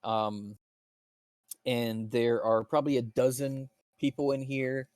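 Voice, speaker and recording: Halting man running a tabletop game. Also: mid-range voice, level tone, darkish tone, no room sound. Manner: halting, full of fillers and restarts. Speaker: dungeon master.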